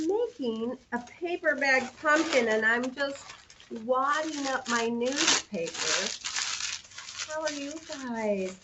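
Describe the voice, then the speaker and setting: A woman teaching preschoolers, talking slowly and playfully while she makes a paper craft, often breaking into sung and whispered parts. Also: high-pitched, background noise. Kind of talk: singing and talking to young children.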